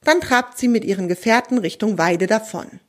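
A woman narrating a children's audio story in a calm, clear storytelling voice. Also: mid-range voice, moderate pace.

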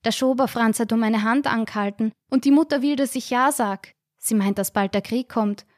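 A woman's voice: on the high side, normal speed, no room sound, clean studio sound, voice pushed up, natural voice. A woman voicing a tearful, devoted young country woman. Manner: tearful, pleading.

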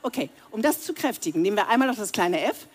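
A woman's voice: mid-range voice, very animated, fast talker, husky. A woman voice coach speaking directly to a live audience, leading breathing and humming exercises and demonstrating the sounds herself. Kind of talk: live voice training workshop. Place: seminar room with audience.

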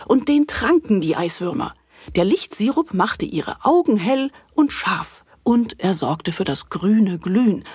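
Husky lady reading a kids' story, dry close sound. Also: mid-range voice, darkish tone, no echo. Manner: storytelling, speaks to the children. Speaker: narrator. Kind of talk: children's story narration.

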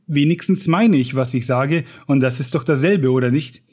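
A man's voice: medium pitch, normal speed, darkish tone, lightly acted. A man reading Alice's lines from a storybook as a prim, indignant girl, in a slightly raised voice. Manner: read aloud from a book, slightly raised voice.

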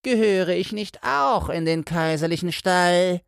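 A man's voice: high-pitched, measured pace, gravelly, clear, resonant tone, no echo, clean studio sound, pitched above the performer's own voice. A man voicing a pompous, easily offended little male dung beetle in a storybook reading.

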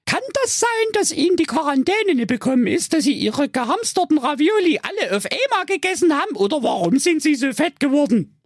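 A man's voice: very high voice, very animated, a little fast, no echo, studio quality, voice pushed up. A man voicing a sassy young fairy-tale princess in a comic story, speaking in a cheeky, mocking way.

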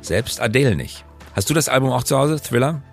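A middle-aged man co-hosting a podcast chats casually in a brisk, gravelly, medium-pitched voice, with soft music playing behind him.

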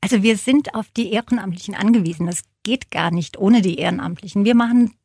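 A woman's voice: medium pitch, fast, vocal fry, darkish tone, breathy edge, dry recording. A woman being interviewed in a studio, explaining things earnestly with plain everyday examples. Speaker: interview guest, hospice service coordinator. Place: radio studio.

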